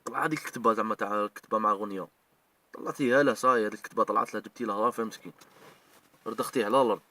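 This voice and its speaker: Far from the mic, a man with a lowish, pushed, bright voice races through a heated video rant. He's an online commentator with an Algerian Arabic accent, emotionally scolding the people he's addressing directly.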